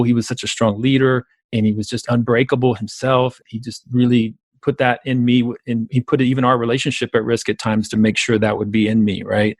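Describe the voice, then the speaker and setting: This mid-range male voice belongs to a business coach with a Southern US accent, guesting on a podcast via remote call. He talks emphatically and repetitively in long run-on sentences, in conversational interview style, and the recording is dry.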